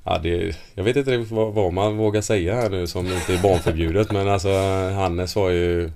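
A man in his thirties, a football player guest telling lively anecdotes in a casual interview and laughing often. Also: low voice, background noise.

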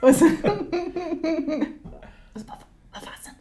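A woman in casual spoken storytelling who laughs often and swings into lively exclamations. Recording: roomy echo.

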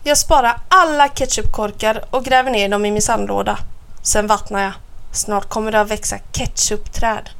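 A woman's voice: medium pitch, steady tone, creaky, fairly bright tone, smooth. A woman reading a children's story aloud in a playful first-person voice.

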